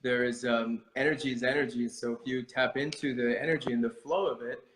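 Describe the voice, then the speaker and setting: A middle-aged man from India talks at a middle pitch, unhurried and thoughtful, with plenty of ums and restarts. His voice carries a roomy echo, as if recorded in a reverberant space. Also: fairly even intonation, a bit bright. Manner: thoughtful, with many fillers and restarts. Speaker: guest martial arts instructor. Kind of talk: reflective conversational interview.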